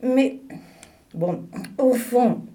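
A woman's voice: fairly high pitch, animated, extremely slow, warm tone, voice pushed up. A woman voicing an insistent polar bear.

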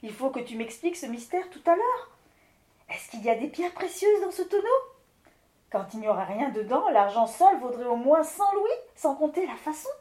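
A woman's voice: high voice, big pitch swings, moderate pace, darkish tone, reverberant, pitched above the performer's own voice. Woman doing an eager prying peasant wife. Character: curious excited peasant wife, nagging.

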